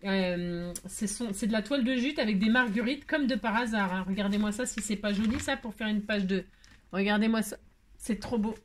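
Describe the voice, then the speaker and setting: A woman's voice: medium pitch, moderate pace, slight background noise. A woman craft vlogger chatting to her viewers while opening mail, effusive and gushing, repeating her exclamations and often trailing off to restart. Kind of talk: casual chat to viewers.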